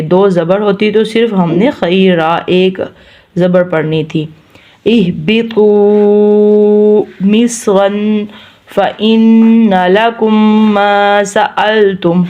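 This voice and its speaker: A woman teaching tajweed, reciting words slowly and drawn out, then explaining patiently. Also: lowish voice, darkish tone, lo-fi sound. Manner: patient, repeats each word slowly, drawn-out recited syllables.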